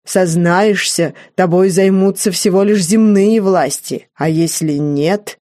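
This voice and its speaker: A woman doing a gruff old baron ghost. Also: on the low side, dark tone, dry recording, clean studio sound. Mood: stern. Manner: gruff, slow and grave. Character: grumpy old male baron ghost, stern.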